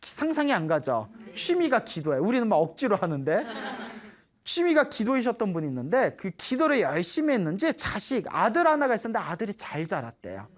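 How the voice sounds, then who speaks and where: A Buddhist nun gives a dharma talk, her voice rising and falling with expressive swings. She tells her stories in an animated way and often stops to ask her audience questions. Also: medium pitch, brisk.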